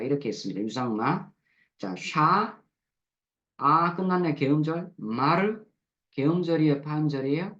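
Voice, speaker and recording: A man teaching a grammar lesson, patiently breaking words into syllables and repeating them slowly for drill. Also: fairly high pitch, dull audio. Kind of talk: recorded lecture explaining verb forms.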